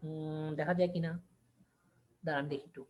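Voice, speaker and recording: A woman's voice: low voice, steady tone, normal speed, dark tone. A woman teaching an online anatomy class, switching between languages for technical terms, repeating key words and quizzing her listeners. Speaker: anatomy lecturer.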